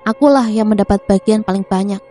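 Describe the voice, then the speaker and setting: A woman's voice: medium pitch, fast talker, warm tone, soft background music, close to an everyday voice. Woman reading as a greedy eldest brother. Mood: demanding.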